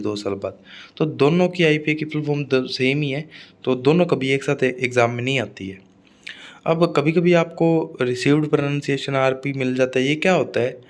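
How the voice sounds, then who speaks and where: A man delivers an exam-prep lecture at a medium pitch. He repeats key points and keeps checking in with his listeners. His delivery is steady and instructive. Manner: repetitive, checks in with students often. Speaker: teacher.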